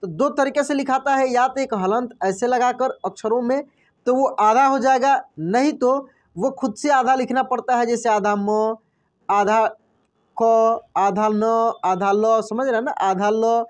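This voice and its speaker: A male teacher works through a reading lesson at a patient, unhurried pace. He sounds out each word slowly, repeats it, and stops often to ask what was just written. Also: very high voice, fairly even intonation. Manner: spells out words slowly, repeats them, quizzes the listener. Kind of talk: classroom-style reading lesson.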